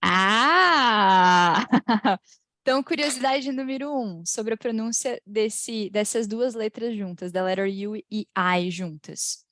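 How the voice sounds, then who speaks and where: A woman with a Brazilian Portuguese accent teaching English pronunciation in an online class. She laughs often and slowly draws out the model phrases. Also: mid-range voice, no room sound, studio quality. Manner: lively, drawn-out model phrases, frequent laughs.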